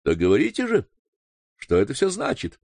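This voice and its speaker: A man's voice: mid-range voice, wildly swooping pitch, moderate pace, vocal fry, darkish tone, no room sound, pitched above the performer's own voice, full character voice. A man reading an audiobook voices a stern young baronet who speaks commandingly. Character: stern young male baronet, demanding answers.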